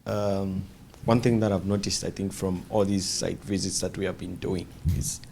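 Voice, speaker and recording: A man sharing reflections as a visiting fellow on a studio panel, halting with many fillers. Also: low voice, flat delivery, vocal fry, warm tone, slight background noise.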